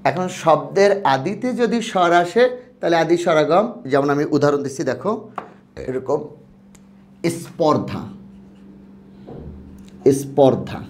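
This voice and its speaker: A man teaching an exam-prep lesson, speaking slowly and repeating words so his students can follow. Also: fairly high pitch.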